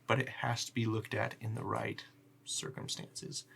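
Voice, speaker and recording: A man's voice: lowish voice, completely flat delivery, vocal fry, a bit bright, slight background noise. A man playing a devout figure who earnestly preaches about the gods and being spiritually prepared. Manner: earnest, measured sermonizing.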